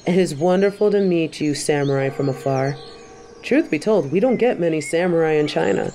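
A woman playing a stern but warm-hearted tiger kung fu master in a roleplay audio, speaking in a measured, composed way to the listener. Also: deep voice, lively intonation, a little hiss or hum. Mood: calm, formal. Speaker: voice actor in a fan roleplay audio. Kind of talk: scripted roleplay addressed to the listener.

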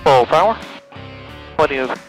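A man's voice: fairly high pitch, animated, moderate pace, soft background music. A middle-aged American man talking casually as a pilot into a headset mic, informal and a little hesitant as he explains. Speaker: pilot and video host. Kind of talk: casual flying vlog with radio calls. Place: small plane cockpit in flight. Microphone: aviation headset boom mic.

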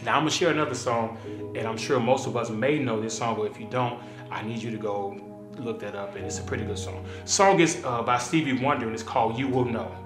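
A pastor in his thirties talks to the camera in a relaxed, unhurried devotional style, filling pauses with ums and uhs. His voice sits at a middle pitch. The room sounds roomy, and soft instrumental music plays underneath. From Kansas City area. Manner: relaxed, conversational, filler-heavy. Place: small indoor studio with desk.

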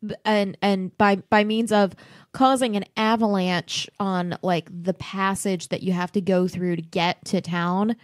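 A woman's voice: mid-range voice, level tone, a little slow, dry recording, studio quality. Blunt, swearing woman podcast co-host. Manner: blunt, sarcastic, swears freely. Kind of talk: casual film-discussion podcast chat.

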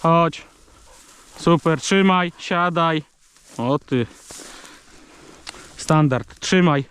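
A man's voice: a little high, very slow, fairly bright tone, clean tone. A man out hunting, calling short clipped commands to his dogs in the open fields. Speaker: hunter working his dogs. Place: outdoors in rural fields.

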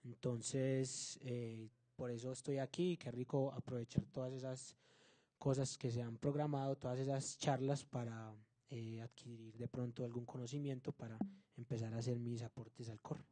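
A man speaks in a mellow, fairly even voice. He sounds modest and tentative as he shares an informal comment. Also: mid-range voice, moderate pace, dry recording. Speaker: conference attendee. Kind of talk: informal self-introduction and comment.

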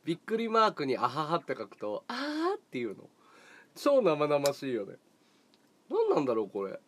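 A man hosting a livestream, chatting casually with viewers in a relaxed way, often chuckling and thinking aloud. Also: a little high, normal speed. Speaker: livestream host.

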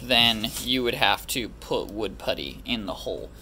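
A man's voice: lowish voice, animated, measured pace, bright, forceful tone, slight background noise. A young man chatting casually through a farm DIY vlog, joking and explaining as he works. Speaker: farm vlogger. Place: outdoor farm yard and workshop.

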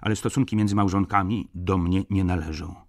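A man reading an audiobook, voicing a calm, formal, dignified merchant. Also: low voice, fairly quick, no room sound, studio quality. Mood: cool. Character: reserved, dignified male merchant.

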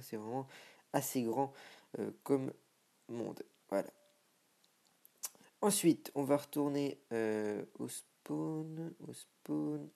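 A man's voice: medium pitch, creaky, dark tone. A young man giving a casual, self-mocking commentary as he tours a game server, with many hesitations. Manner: chatty, self-mocking, lots of filler hesitations. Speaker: gaming video creator.

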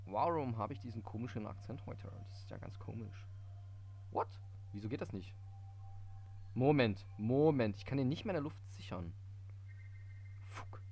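A man doing live game commentary, muttering in confusion, reading in-game hints aloud and breaking into sudden excited outbursts. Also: mid-range voice, normal speed, long pauses. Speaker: let's play gamer.

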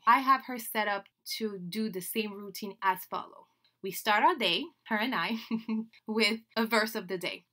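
A woman's voice: mid-range voice, bright, forceful tone. A woman from Senegal whose first language is French, hosting her podcast in a chatty, upbeat way with laughs between phrases. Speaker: podcast host. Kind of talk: solo podcast introduction.

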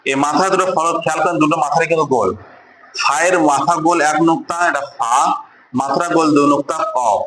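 Guy teaching a class the alphabet, kinda high voice, slow and patient, echoey room w/ people around. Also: a crowd in the background. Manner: patient, repeats each letter slowly and draws out sounds. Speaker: Quran reading teacher. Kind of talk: beginner Arabic alphabet lesson.

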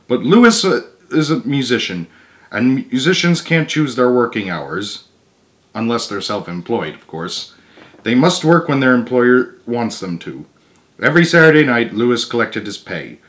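In a living room, a young man brings a children's book to life with expressive narration and offhand asides. A camera records him from a short distance, and his voice sits in the mid-range.

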